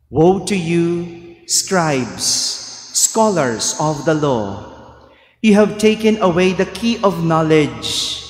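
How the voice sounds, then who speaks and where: Filipino priest preaching slow, big cathedral echo, long reverb ringing off the walls. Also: male voice, a little high. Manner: slow and deliberate, quizzing the congregation. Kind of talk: homily during Mass. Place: large church. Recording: echoey church hall sound.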